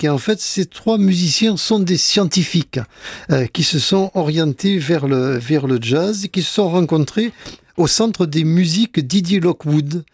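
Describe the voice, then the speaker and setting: A man's voice: on the high side, breathy edge, no echo, clean studio sound. A man presenting jazz albums on a radio show in a casual, hesitant way, with many fillers and restarts. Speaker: radio music columnist. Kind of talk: casual radio music chat.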